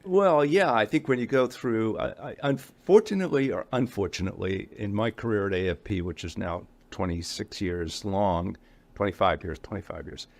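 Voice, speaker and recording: A man's voice: lowish voice, normal speed, hardly any pauses, darkish tone. A middle-aged man speaking as an interview guest in a casual, rambling way, often correcting himself and chuckling between points. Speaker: guest, association executive.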